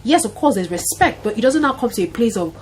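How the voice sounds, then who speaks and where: Fast-talking Nigerian woman. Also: a little high, a little hiss or hum, poor audio. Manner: animated storyteller, acts out voices, laughs often. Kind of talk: casual talk-show conversation.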